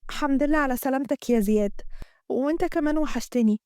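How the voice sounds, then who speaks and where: A woman with an Egyptian accent reading a dramatic first-person story, briskly voicing the characters. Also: high-pitched, darkish tone, clear, resonant tone, no room sound, clean studio sound. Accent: Egyptian Arabic. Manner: brisk narration, voices every character herself.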